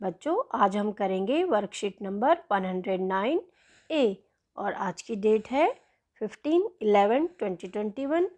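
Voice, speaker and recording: A woman teacher, slowly and patiently explaining a worksheet lesson to young children. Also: mid-range voice, lively intonation, a little mellow. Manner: slow, patient, addresses children often.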